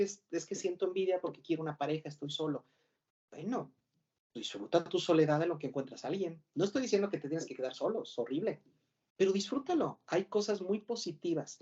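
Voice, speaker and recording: A man's voice: sits high, darkish tone. A man with a Mexican Spanish accent giving a mock lecture to a class as a professor. He rambles, corrects himself and fires off rhetorical questions. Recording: dull lo-fi recording.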